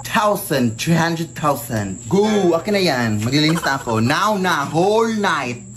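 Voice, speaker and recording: A woman acting out a comic skit, playful, with sudden squeals and low mutters. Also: very animated, unhurried, music in the background. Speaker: comedy skit performer.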